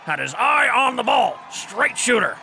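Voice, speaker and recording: An actor playing a washed-up, proud old drunken adventurer in a comic fantasy audio drama, with a creaky, melodramatic delivery. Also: male voice, very high voice, very animated, measured pace, sharp tone, shouting, slight background noise, heavily acted, low-quality recording. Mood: defensive. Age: older.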